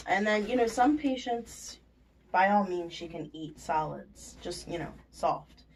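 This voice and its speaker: A woman's voice: lowish voice, expressive, measured pace. A woman on dental surgery staff informally going over aftercare instructions step by step, often checking in as she explains. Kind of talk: informal spoken patient instructions. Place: indoors at a clinic. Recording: distant microphone, faint room noise.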